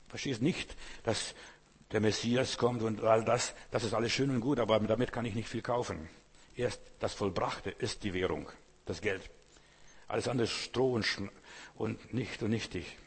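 A man's voice: fairly low pitch, slightly rough. A man preaching a sermon, speaking directly to the listener with emphatic repetition. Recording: long hall reverb.

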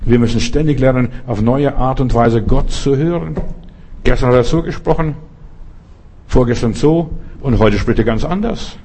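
A man's voice: medium pitch, normal speed, mellow, a little hiss or hum. A man preaching a sermon in an earnest, direct way, speaking straight to each listener.

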